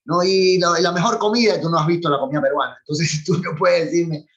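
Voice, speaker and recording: Speaking a little fast with fairly even intonation, this Cuban man, once a cultural animator, talks casually over a video call. He's chatty and full of opinions, laughing frequently, his slightly high, bit-bright voice carrying a Cuban Spanish accent through dull, lo-fi audio.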